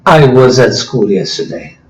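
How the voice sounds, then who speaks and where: Male language teacher, native Spanish speaker, unhurried and patient, in an echoey room. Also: medium pitch, expressive, highs cut off. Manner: slow, patient explaining, switching between two languages. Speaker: English teacher. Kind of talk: spoken grammar lesson.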